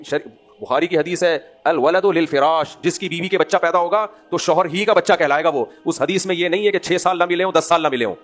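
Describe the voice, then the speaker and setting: A man with a Pakistani Urdu accent giving a religious lecture to an audience. He preaches with animation, pushing out emphatic rhetorical questions and then dropping into low asides. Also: a bit bright. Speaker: Islamic scholar giving a lecture.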